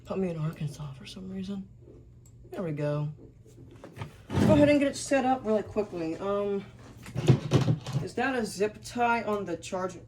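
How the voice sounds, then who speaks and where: In her relaxed, off-the-cuff gadget unboxing, the woman mutters and reasons aloud, leaving long pauses. She speaks at normal speed and medium pitch with lively intonation, and the recording is noisy with clicks.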